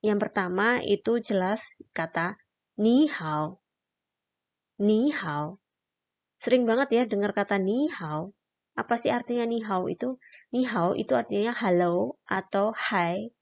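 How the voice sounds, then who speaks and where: A woman's voice: mid-range voice, moderate pace, vocal fry, highs cut off. A woman teaching a language lesson, patiently explaining and demonstrating each syllable aloud. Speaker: Mandarin teacher. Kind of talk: recorded online lesson.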